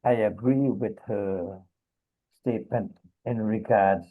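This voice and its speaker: A middle-aged man from Trinidad, speaking haltingly in a casual discussion with many pauses and fillers. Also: lowish voice. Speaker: discussion participant. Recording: tinny phone-like video call audio.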